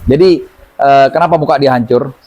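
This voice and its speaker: A man teaching an audience as a healing therapy instructor, telling stories lively and acting out the voices of the people in them. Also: medium pitch, normal speed, dull audio. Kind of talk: seminar talk to an audience.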